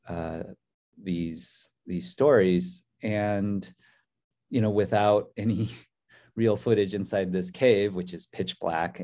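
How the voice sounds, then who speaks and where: Speaking thoughtfully over a video call from a hotel room, a documentary co-director in his forties has a low, warm voice. He uses lots of fillers and often restarts his sentences, and the audio comes through a webcam microphone.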